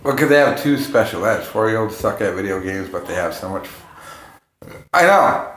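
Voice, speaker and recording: A man's voice: on the low side, lively intonation, moderate pace, fairly bright tone. Rambling man streaming in an echoey room. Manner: rambling, jumps between topics. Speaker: livestream host. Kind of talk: casual, profane livestream chat. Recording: roomy, echoing room sound.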